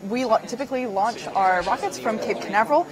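A woman's voice: on the high side, fast, crowd noise. A woman hosting live launch commentary, explaining things in a conversational way. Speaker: webcast host.

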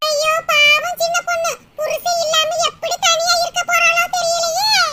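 Nosy, tactless village women tease and boss the wife around in a loud cartoon banter, all voiced by one performer. The voice is pushed extremely high. Heavy noise runs under the recording. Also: level tone, normal speed. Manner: loud, bossy, teasing banter. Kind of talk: cartoon comedy voice acting.

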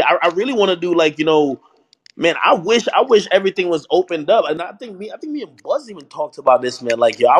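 Rambling young man in casual chat. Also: on the high side. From Jamaica. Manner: rambling, many restarts and "you know what I mean". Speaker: hip hop media personality. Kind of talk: casual audio chat room conversation.

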